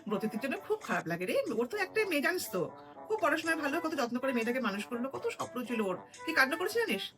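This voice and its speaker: Fast, high-pitched chatty woman. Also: very animated, music in the background. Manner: chatty, gossipy, scolding bursts. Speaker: comedy video creator. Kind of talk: comic monologue as a gossiping mother on a call.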